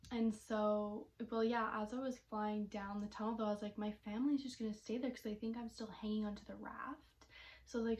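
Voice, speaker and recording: A woman's voice: on the high side, dark tone. A young woman telling a story in a casual vlog, chatty and rambling with lots of fillers. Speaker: vlogger.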